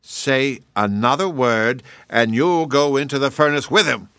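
A man voicing a cruel, quick-tempered male gnome king who roars and snarls his threats. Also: mid-range voice, expressive, fairly bright tone, dry recording, studio quality, close to an everyday voice. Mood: menacing.

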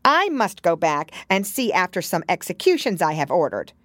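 A woman voicing a savage, bossy queen in a storybook, shouting orders. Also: on the low side, very animated, normal speed, no echo, clean studio sound. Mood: imperious. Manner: shouting, imperious. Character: shrill furious tyrannical queen.

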